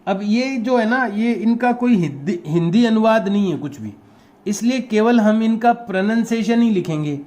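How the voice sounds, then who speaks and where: A male teacher with a Rajasthani Hindi accent gives a classroom lesson to young pupils, patiently explaining, repeating terms, and spelling words out letter by letter. His high-pitched voice is expressive with a darkish tone, and he speaks at normal speed.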